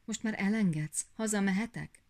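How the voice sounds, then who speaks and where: A woman's voice: mid-range voice, close to an everyday voice. A woman voicing a proud young princess, humbled and eager to go home. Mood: eager pleading.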